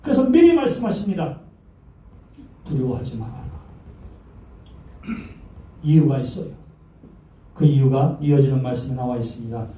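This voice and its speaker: A man's voice: medium pitch, animated, a little fast, mellow. A man pastor preaching a Sunday sermon, dramatically acting out the pleas and commands he quotes. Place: church sanctuary. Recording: echoey church hall, voice from far off.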